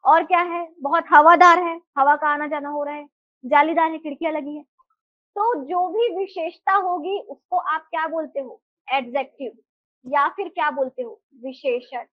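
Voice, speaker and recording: High-voiced woman teacher, dry sound. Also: moderate pace, dry recording, dull audio. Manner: explains and asks the class questions, mixing Hindi and English. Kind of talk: live online class.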